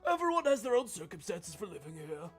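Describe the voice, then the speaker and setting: A woman's voice: on the low side, very animated, fairly quick, faint music behind, pitched above the performer's own voice. A woman voicing a kindly, philosophical downtown resident in video game dialogue. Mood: earnest, philosophical. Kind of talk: video game dialogue read aloud by a streamer.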